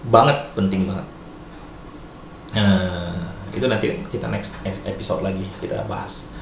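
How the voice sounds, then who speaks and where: A middle-aged Indonesian man vlogs casual advice in a chatty, lively way, mixing in Japanese and English words and laughing often. His voice is lowish and gravelly, recorded in an echoey room with faint background noise.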